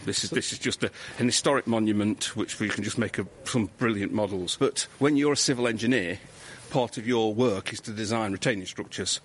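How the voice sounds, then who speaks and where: Male engineer, low-ish voice, patient technical explainer, outdoor interview with faint background noise. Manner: measured, explanatory, with restarts. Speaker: civil engineering lecturer. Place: outdoors on a hillside street.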